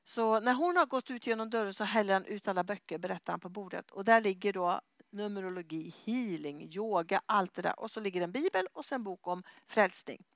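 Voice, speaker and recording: A middle-aged woman preaching and telling a story, lively, acting out the people she quotes and dropping to a whisper at times. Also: mid-range voice, hardly any pauses, no room sound. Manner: lively, acts out quoted voices, drops to whispers. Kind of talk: animated sermon storytelling.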